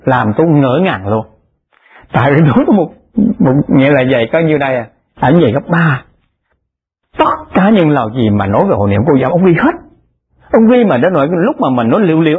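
Husky man's lively dharma talk. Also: fairly high pitch, quick pace. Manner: animated, acts out the people in his stories. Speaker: Buddhist lay dharma speaker. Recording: tinny lo-fi phone-like recording.

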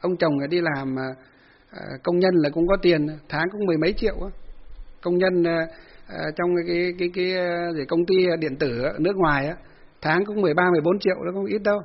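Husky-voiced monk preaching. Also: male voice, high-pitched, steady tone, fairly quick, highs cut off. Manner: folksy, many fillers, acts out quoted dialogue. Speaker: Buddhist monk giving a dharma talk. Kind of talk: sermon storytelling.

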